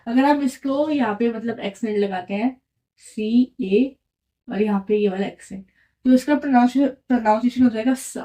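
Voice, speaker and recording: Speaking at normal speed in a slightly high voice with a dark tone, a woman teaches French at a whiteboard, and the audio is poor. She's patient, repeats herself, and keeps checking in with a "right?".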